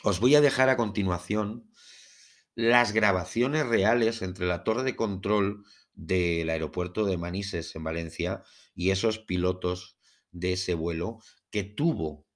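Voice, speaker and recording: A man with a Spain Spanish accent hosting a podcast monologue, speaking in a measured, formal way with literary phrasing, as in part-scripted narration. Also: deep voice. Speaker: podcast host.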